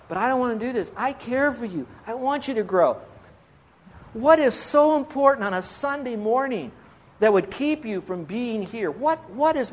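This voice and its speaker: Earnest high-voiced male pastor preaching. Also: slight background noise. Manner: earnest, pleading, rhetorical questions. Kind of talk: sermon.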